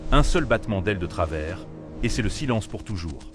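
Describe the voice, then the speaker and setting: A man's voice: fairly low pitch, animated, fairly quick. A man delivering scripted wildlife documentary narration in a solemn, dramatic manner. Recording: narration over prominent music. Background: music.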